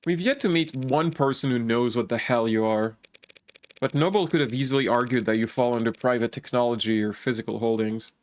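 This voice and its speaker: A man's voice: mid-range voice, brisk. A man streaming a story game, talking along to the scenes with a wry, dry humor. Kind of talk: casual game commentary and read-along.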